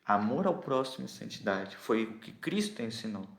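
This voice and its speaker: A man's voice: on the low side, big pitch swings, moderate pace, gravelly, reverberant. A man with a Brazilian Portuguese accent preaching an expository sermon, explaining a scripture passage and often checking that listeners understand. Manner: explanatory, asks listeners "entendeu?".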